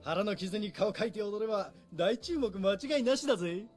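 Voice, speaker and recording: A brash, cheery young samurai captain for a visual novel game. His voice is high and swings widely as he teases and blusters in rough slang, very fast, over music. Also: animated, a little mellow. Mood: teasing. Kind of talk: Japanese visual novel voice acting.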